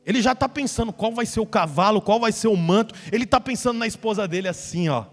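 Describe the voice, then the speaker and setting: A male pastor preaching a sermon, telling a Bible story in a lively way and acting out the characters in a church. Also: high-pitched, quick pace. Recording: hall reverb with faint music.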